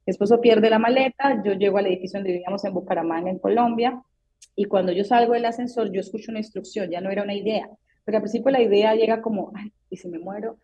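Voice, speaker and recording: A woman's voice: medium pitch, steady tone, fast talker, mellow, breathy edge, muffled recording. A woman in her thirties, a psychologist guest in an interview, earnestly telling her own story and acting out the voices she quotes. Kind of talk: personal testimony in a podcast interview.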